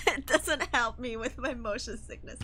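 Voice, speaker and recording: A woman's voice: a little high, animated, slow, pushed and bright, slight background noise. A young woman streaming a horror game, chatty and jumpy, sniffly with a cold. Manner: chatty, jumpy, swearing and laughing. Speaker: VTuber streamer.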